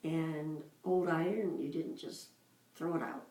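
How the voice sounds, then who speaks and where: Older lady slowly telling old family memories, lowish mellow voice, roomy echo. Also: fairly even intonation, far from the mic. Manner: unhurried storytelling with pauses. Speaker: mother recalling childhood. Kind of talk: casual reminiscing.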